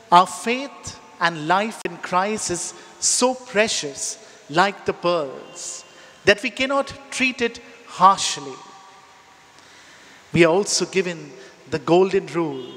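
A man in his thirties, a priest, reading and preaching solemnly in measured phrases with a cathedral-like echo. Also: sits high, a bit bright. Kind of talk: Gospel reading and homily. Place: indoors in a church. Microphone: gooseneck lectern microphone. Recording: echoey church with long reverb.

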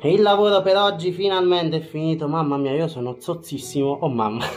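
A man's voice: on the high side, a little fast, soft background music. Enthusiastic man vlogging. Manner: enthusiastic, chatty, addresses viewers as "raga". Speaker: vlogger farming in the countryside. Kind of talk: casual vlog talk to camera. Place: outdoors on a farm plot and in a small rural room. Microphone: wide-angle action camera held or worn.

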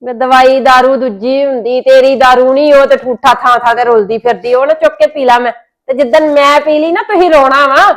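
Scolding Punjabi woman, slightly high voice. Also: a little fast. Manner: scolding, exasperated, complaining. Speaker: elder sister in a family drama. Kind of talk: Punjabi web-series acting.

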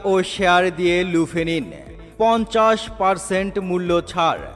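Man's high-pitched echoing loudspeaker announcement. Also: normal speed. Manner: loud, formal announcing. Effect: echoing loudspeaker-style announcement sound. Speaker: advertisement announcer. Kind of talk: loudspeaker street advertisement. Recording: long reverb with music underneath.

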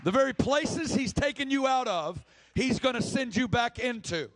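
A man's voice: very high voice, expressive, moderate pace, a little hiss or hum. A man preaching a sermon with passion, acting out the people in the story he tells. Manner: impassioned, acts out the people in the story.

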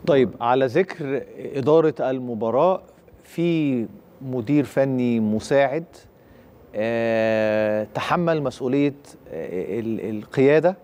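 A man hosting an Egyptian TV sports talk show, with an Egyptian Arabic accent, leaning on drawn-out filler pauses between phrases. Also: medium pitch, dark tone.

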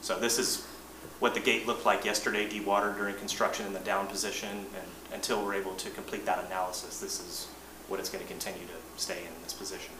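A man with a somewhat low voice walks a board through a technical update, speaking in a measured, plain way and often restarting his phrases. He sounds set back from the mic in an echoing room, with clear background noise. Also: level tone. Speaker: engineering manager briefing a board. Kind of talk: presentation to a board. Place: boardroom meeting. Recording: roomy distant mic, noisy meeting room.

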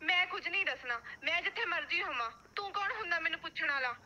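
A woman's voice: extremely high pitch, lively intonation, fast, pushed and bright, lo-fi sound, full character voice. A young woman acting a fed-up ex-friend who answers in a defiant, dismissive way. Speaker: student.

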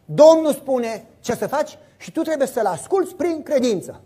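Husky, animated male preacher. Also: very high voice. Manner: lively storytelling, acts out voices and sound effects. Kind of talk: sermon.

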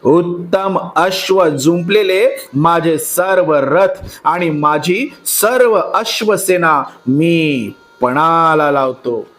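A man voicing a dutiful, righteous young king who speaks in a measured, hesitant way. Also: on the high side, a bit bright. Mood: earnest, uneasy.

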